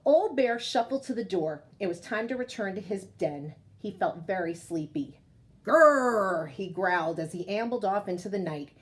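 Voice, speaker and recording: Reading a picture book aloud to children, a woman storyteller speaks expressively and directly to her young audience. Her voice is medium-pitched, her pace normal, and she barely pauses.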